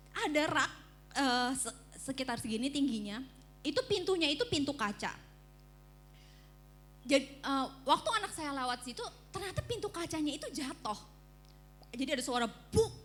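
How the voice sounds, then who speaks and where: A woman preaching at a church service, telling a personal story in an animated way and acting out the screams in it. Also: very high-pitched.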